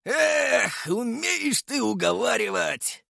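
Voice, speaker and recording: A man voicing a gruff, lecherous sergeant-major who grumbles and swears in a coarse, sly way in an audiobook. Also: extremely high pitch, lively intonation, slow pace, sharp tone, dry recording, clean studio sound, voice pushed up, heavily acted. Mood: grumbling.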